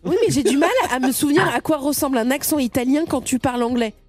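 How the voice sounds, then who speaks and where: A woman's voice: high-pitched, quick pace, a little mellow, no echo, soft background music. A woman from Paris with a Parisian accent, co-hosting a radio show in an enthusiastic, chatty way. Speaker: radio co-host. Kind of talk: morning radio banter.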